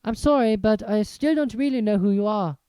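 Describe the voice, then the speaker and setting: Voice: mid-range voice, brisk, dark tone, clear, resonant tone, no echo, voice pushed up, natural voice. A reader voicing a puzzled, polite young boy. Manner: hesitant, questioning. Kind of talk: audiobook character reading.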